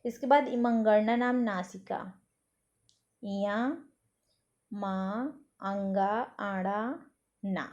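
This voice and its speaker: A woman teaching a grammar lesson for exam preparation. She explains patiently, recites the rules slowly and asks and answers her own questions. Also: medium pitch, fairly even intonation, darkish tone, highs cut off.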